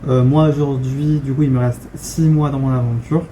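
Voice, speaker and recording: This is a casual talking-head vlog by a young man from France who speaks frankly and conversationally, with plenty of fillers and restarts. His very dark, mellow voice is medium-pitched and fairly monotone, and a faint ambient hum sits under it.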